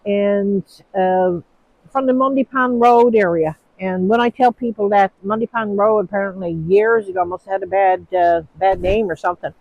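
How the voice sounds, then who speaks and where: A woman's voice: medium pitch, normal speed, no room sound, narrow, tinny audio. A woman from Newfoundland with the local accent chats to her phone out in the snow. Her talk wanders and stalls on little uhs. The sound is close and dry. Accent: Newfoundland English. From Newfoundland, Canada. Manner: rambling, chatty, hesitant with many uhs. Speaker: vlogger answering viewer questions. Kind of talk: casual chat. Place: outdoors, with snow falling.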